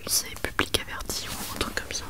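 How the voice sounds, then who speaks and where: A woman presents books in a hushed ASMR library whisper, chatty and rambling with self-mocking asides. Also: moderate pace. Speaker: ASMR video creator.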